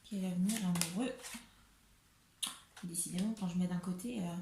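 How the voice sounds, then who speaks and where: A woman's voice: lowish voice, normal speed, noisy background. Woman, French accent, tarot reading, chatty and reassuring, lots of fillers, echoey room. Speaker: tarot card reader. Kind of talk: casual tarot reading to camera.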